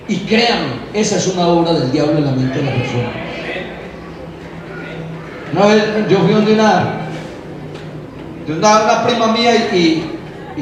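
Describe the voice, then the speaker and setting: A man preaching a lively sermon to a congregation in a church hall, playfully mimicking the excuses of young people. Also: high voice. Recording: very echoey hall, voice from far off, faint noise.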